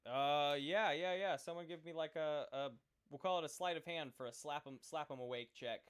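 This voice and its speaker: A man's voice: on the high side, clear, resonant tone. A man running a tabletop role-playing game, talking casually with many fillers and restarts. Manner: halting, full of fillers, casual. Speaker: game master.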